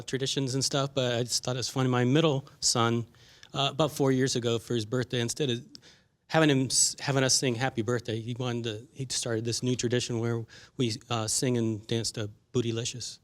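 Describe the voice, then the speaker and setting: A man's voice: mid-range voice, fairly even intonation, brisk. A man and parent at a workshop, casually and amusedly sharing a family story. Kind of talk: casual anecdote.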